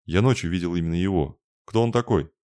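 A man's voice: low-pitched, fast talker, dark tone, close to an everyday voice. A man voicing an agitated young man who speaks strained and groaning. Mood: anxious. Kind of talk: audiobook narration.

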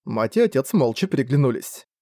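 A man narrating a fantasy novel in a steady, measured reading. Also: mid-range voice, no echo, studio quality. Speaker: audiobook narrator. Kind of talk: scripted narration.

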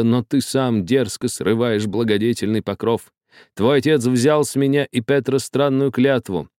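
A man voicing a frightened, trembling old male doctor who talks in a shrill, agitated and pleading way. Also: a little mellow, dry recording, clean studio sound, lightly acted.

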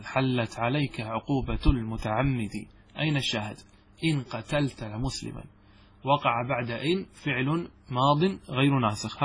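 A man's voice: medium pitch, slightly rough. A man teaching Arabic grammar in a classroom lecture, explaining step by step and posing questions to his students that he then answers himself.

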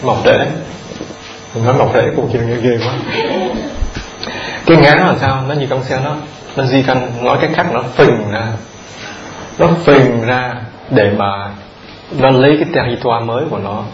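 In a conversational dharma talk to lay listeners, a Buddhist monk repeats words and asks his audience questions directly. His mid-range voice moves at a normal speed with long pauses, and a crowd can be heard behind him. The recording is roomy, dull and lo-fi.

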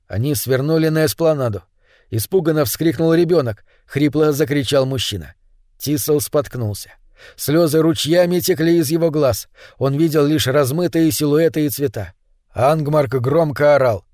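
A man reading an audiobook as narrator in an even storytelling manner. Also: a little high, normal speed, no room sound, studio quality.

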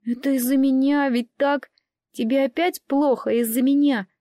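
A woman's voice: high voice, fairly even intonation, moderate pace, mellow, no echo, studio quality, voice pushed up, close to an everyday voice. A woman reading an audiobook, voicing a frightened, tearful young boy with a trembling voice. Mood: scared.

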